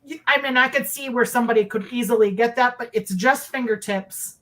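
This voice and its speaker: A woman's voice: on the high side, a little fast, a bit bright. A middle-aged woman on a video call, casually recounting her own experience with emphatic repetition. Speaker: guest recounting sightings. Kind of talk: casual personal storytelling. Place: indoors in a dim room, on a video call.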